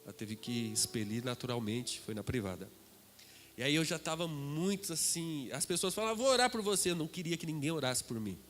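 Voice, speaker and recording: A middle-aged man with a Brazilian accent, a guest preacher telling a dramatic testimony that swings between loud and hushed. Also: mid-range voice, lively intonation, a little fast, a little hiss or hum. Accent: Brazilian Portuguese. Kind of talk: testimony sermon. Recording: reverberant hall with music behind.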